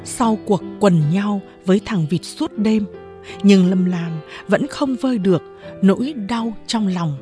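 A woman narrating a novel as an audiobook, in a measured storytelling manner. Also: mid-range voice. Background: faint music.

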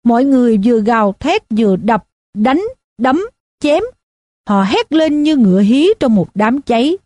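A woman reading a novel aloud in the first person, in a steady, measured storytelling manner. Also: on the high side, no room sound. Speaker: audiobook narrator.

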